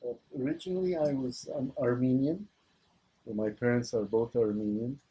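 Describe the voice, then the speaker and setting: Dark, husky middle-aged man. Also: mid-range voice, moderate pace, rough recording. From Ethiopia. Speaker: interviewee. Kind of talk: casual interview.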